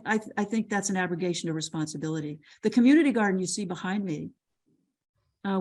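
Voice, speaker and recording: On a video call, an older female lecturer responds to a question thoughtfully, often restarting and repeating words. She speaks on the low side with a slightly mellow tone.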